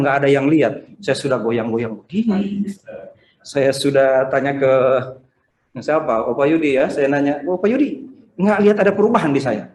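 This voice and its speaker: A man preaching a Sunday sermon in a conversational, animated way, acting out the people he quotes. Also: medium pitch, roomy sound. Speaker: pastor. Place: church service streamed over video call.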